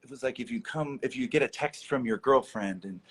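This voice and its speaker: A man's voice: medium pitch, fairly quick, husky. A young man hosting a casual livestream chat, chatty and self-deprecating, laughing often. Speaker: livestream host. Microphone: phone livestream.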